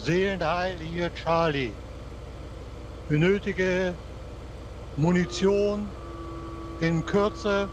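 A man speaks over a walkie-talkie in a high register, sending terse, formal radio reports. He talks slowly and deliberately in clipped military style. The radio link is noisy, with vehicle rumble underneath. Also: steady tone. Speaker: player giving radio reports.

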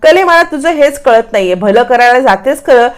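A woman's voice: high voice, animated, moderate pace. A woman voicing a worried, caring mother who asks anxious questions over the phone.

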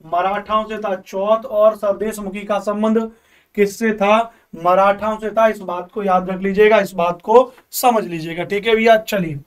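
A male teacher running a live online revision class. He quizzes viewers, repeats questions slowly and jokes with them. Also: sits high, fairly even intonation, clear, resonant tone, distant mic. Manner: joking banter with viewers.

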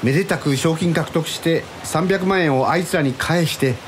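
In a radio drama, an actor with a fairly high voice plays an easygoing, wistful man confiding about lost love, speaking casually and reflectively at a moderate pace. His natural-sounding voice sits over music with slight background noise.

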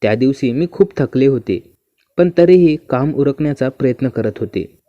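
A man narrating a first-person story in a smooth, even and unhurried reading manner. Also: mid-range voice, no echo. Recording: dull, muffled dry recording.

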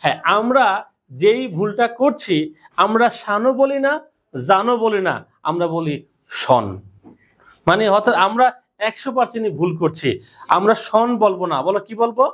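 A woman's voice: medium pitch, animated, normal speed, long pauses. A woman teacher giving a classroom pronunciation lesson, quizzing her students with repeated questions. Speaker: English teacher.

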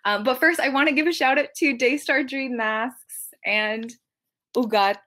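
A woman in her twenties with a high, bright, forceful voice chats at a measured pace on a livestream. She's a TikTok creator and actor on a webcam in a small bedroom, giggly and self-mocking in bubbly Gen Z style, saying "like" constantly.

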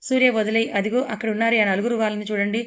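A woman reading a gentle, jealous young woman in an audio storybook. She teases and pleads at a brisk clip, in a fairly flat tone. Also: medium pitch, clear, resonant tone, close to an everyday voice. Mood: teasing.

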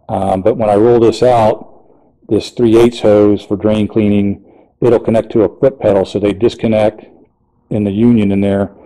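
A man's voice: lowish voice, dark tone, low-quality recording. A man casually walking through the equipment inside his work trailer, explaining things plainly with fillers. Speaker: pressure washing business owner. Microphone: handheld camera mic, filming in first person.

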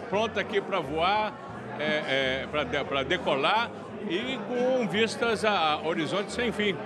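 Male TV interviewer, sixties, Brazilian accent, fairly high voice, flowery and halting, crowd clearly audible behind. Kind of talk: event interview. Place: indoor reception event at a hangar. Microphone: handheld interview microphone. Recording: busy event crowd chatter behind.

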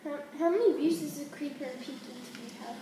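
A woman playing a shooter game with a friend, excitedly calling out kills and cheering. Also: sits high, fast talker. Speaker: co-host of a gaming podcast. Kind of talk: casual banter while playing a shooter game. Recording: very echoey, far from the mic, noisy.

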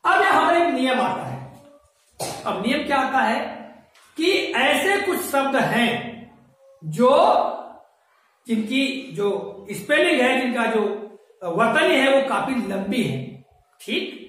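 A woman's voice: sits high, lively intonation, slow, pauses often, a bit bright. Patient woman teacher in an echoey room. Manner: patient, spells words letter by letter, checks understanding often. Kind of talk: classroom lesson. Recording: echoey room, mic far off.

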